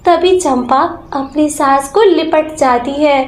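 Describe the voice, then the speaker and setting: A woman narrating a children's animal fable in a measured, dramatic way. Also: sits high. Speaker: storyteller. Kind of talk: storybook narration. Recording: roomy echo.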